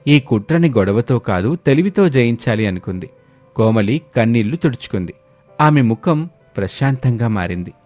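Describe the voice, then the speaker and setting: A man narrating a family story in a steady, expressive storytelling manner. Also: mid-range voice, moderate pace, soft background music.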